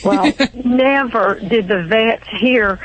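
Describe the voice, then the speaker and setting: A woman's voice: on the high side, slow pace, fairly bright tone, slight background noise. A woman with a Southern Georgia accent, chatting and telling her story casually as a caller on a muffled, echoey phone line. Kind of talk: casual chat. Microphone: telephone.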